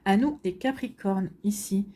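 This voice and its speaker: A woman's voice: medium pitch, measured pace, mellow. A woman giving a casual tarot reading to her viewers, chatty and full of fillers and repeats. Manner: chatty, many fillers and repeated "donc ici". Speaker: tarot card reader.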